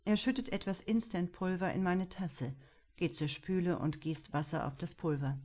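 A woman narrating a first-person literary story in a calm, measured way as an audiobook reader. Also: on the low side. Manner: calm, measured, unhurried delivery.

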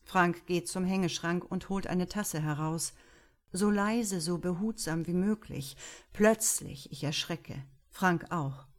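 A woman narrating a first-person literary story in a calm, measured way as an audiobook reader. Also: on the low side. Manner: calm, measured, unhurried delivery.

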